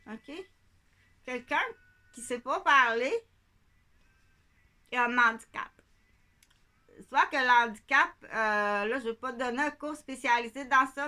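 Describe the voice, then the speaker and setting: Quebec French woman, piercing bright tone, digressive monologue, keeps asking "ok?". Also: sits high. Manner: digressive, repeats herself, asks "ok?" often. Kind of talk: rambling monologue.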